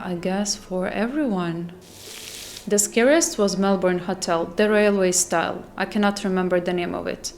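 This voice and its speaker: A woman who worked as a flight attendant, telling spooky hotel stories in a casual, animated way and laughing at herself. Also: medium pitch. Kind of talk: casual storytelling to camera.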